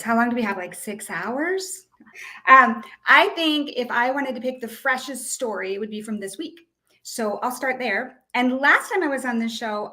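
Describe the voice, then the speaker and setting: A woman from the United States, a guest on an online show, telling a story in a lively, chatty way. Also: fairly high pitch. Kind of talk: conversational storytelling.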